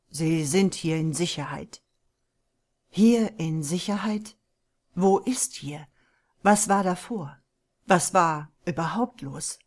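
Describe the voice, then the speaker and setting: A woman narrating a tense first-person story in a slow, deliberate, brooding manner. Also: lowish voice, darkish tone. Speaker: audiobook narrator.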